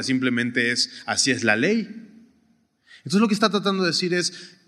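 A man preaching a sermon, swinging from raised emphatic lines to quiet, hushed ones. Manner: animated preaching, rising high then dropping to a near hush. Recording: long hall reverb.

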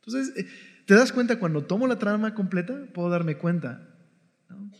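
A slightly higher-voiced man teaches a devotional Bible lesson in a relaxed, conversational way. He keeps checking in with his listeners as he explains. His voice carries a long hall reverb. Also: moderate pace.

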